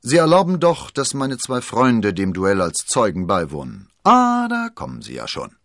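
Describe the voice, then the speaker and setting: A man's voice: mid-range voice, wildly swooping pitch, normal speed, fairly bright tone, no echo, clean studio sound, pitched above the performer's own voice. A man voicing a proud, wounded musketeer, delivering his lines raised and declaiming. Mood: cool, proud. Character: proud wounded male musketeer, cool and commanding.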